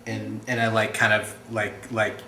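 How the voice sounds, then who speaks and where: A man with a lowish, bright voice tells his story in a playful, rambling way, restarting often. He is recorded in an echoey room with a faint hiss behind him. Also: monotone, unhurried. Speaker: interviewee. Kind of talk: casual interview.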